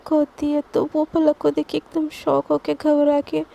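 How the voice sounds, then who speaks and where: A woman's voice: high-pitched, monotone, moderate pace, gravelly, dark tone. A woman narrating a love story in a casual, loosely told way. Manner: conversational, loosely told with restarts.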